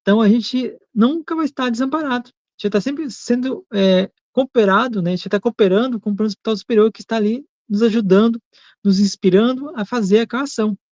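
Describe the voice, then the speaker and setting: A man co-hosting a Spiritist program, talking in a measured, thoughtful way and often repeating and restating his points. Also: sits high, a little mellow, dry recording. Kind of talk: reflective teaching talk.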